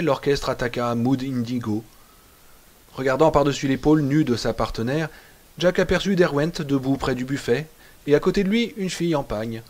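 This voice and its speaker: Man reading an audiobook, somewhat high voice. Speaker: narrator.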